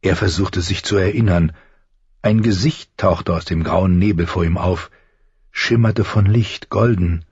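A man narrating a fantasy audiobook in a slow, measured, dramatic way. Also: deep voice, a little mellow, slightly rough, no echo, highs cut off.

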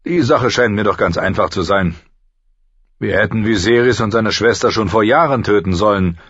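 A man's voice: lowish voice, normal speed, fairly bright tone, breathy edge, no echo, dull audio, pitched above the performer's own voice. A man voicing a young male noble in an audiobook, offhand and blunt.

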